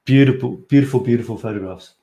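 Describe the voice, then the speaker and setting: A man originally from Scotland leads a live-streamed photography class, talking eagerly and rambling a little as he restarts his sentences. His voice is mellow and sits at an ordinary pitch. The room around him adds a noticeable echo. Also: quick pace, muffled recording. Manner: enthusiastic, chatty, self-correcting. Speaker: photography coach. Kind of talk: live-streamed course presentation.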